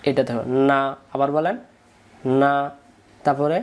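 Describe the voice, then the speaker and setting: Man, Bangladeshi accent, patient teacher, repeats syllables, average pitch. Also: a little slow. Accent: Bangladeshi Bengali. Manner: patient, repetitive, drills syllables and asks pupils to repeat. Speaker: Quran recitation teacher. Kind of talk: spoken lesson with call-and-repeat drills.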